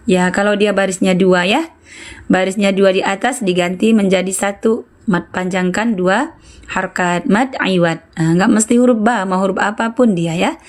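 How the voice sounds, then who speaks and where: A woman teaching Quran recitation in an online lesson, patiently correcting students and repeating syllables to model how they should sound. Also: medium pitch.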